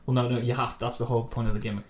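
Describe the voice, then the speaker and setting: A man's voice: medium pitch, level tone, a little mellow. A man co-hosting a casual podcast chat, joking and swearing freely. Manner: fast, jokey, swears freely. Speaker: podcast co-host.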